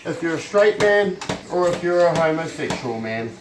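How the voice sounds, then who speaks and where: A man's voice: on the high side, expressive, moderate pace. A man giving an informal, sweary home cooking demonstration as an amateur cook, sounding drunk. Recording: clear background noise, clicks.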